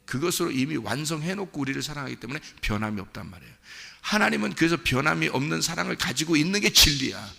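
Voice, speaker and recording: A man preaching from the pulpit with a heavily gravelly, bright and forceful tone. He talks earnestly and conversationally, as if speaking to each listener. His voice rings out with a long reverb through a church hall. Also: on the high side, animated, fast talker. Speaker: pastor. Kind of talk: sermon. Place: church sanctuary.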